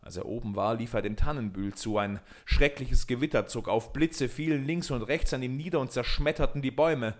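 A man's voice: medium pitch, brisk, few pauses. Man reading a fairy tale. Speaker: narrator.

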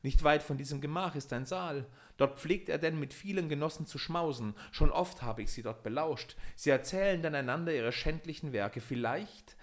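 A sorrowful enchanted owl princess, as a male reader puts her on in a storybook recording. Her voice sits noticeably higher and carries a plaintive, lamenting tone. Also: moderate pace, few pauses, close to an everyday voice. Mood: confiding. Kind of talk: audiobook reading of a fairy tale.

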